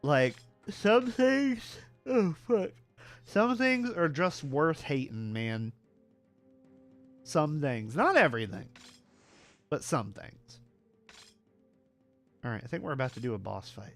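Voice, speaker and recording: A man's voice: on the high side, sing-song, slow pace, pauses often, fairly bright tone, soft background music. A male streamer chatting casually while playing, ranting with swearing and self-mocking jokes. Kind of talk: casual gaming stream chat.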